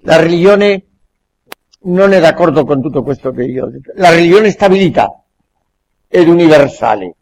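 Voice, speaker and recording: A man giving a public lecture in Italian, haltingly searching for words and repeating phrases for emphasis. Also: a little high, expressive, gravelly, a little mellow. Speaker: guest lecturer. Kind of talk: public lecture with questions and answers.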